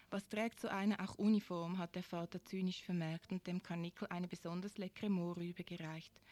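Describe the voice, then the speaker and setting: A woman giving a measured, expressive literary reading. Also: mid-range voice. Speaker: reader.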